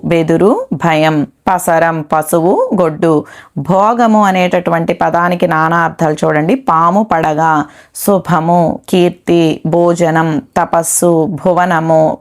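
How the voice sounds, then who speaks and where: A woman teaching a Telugu lesson for exam preparation, reading out notes and word lists in a steady dictating manner. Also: lowish voice, slow. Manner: steady list-like dictation with "next" transitions.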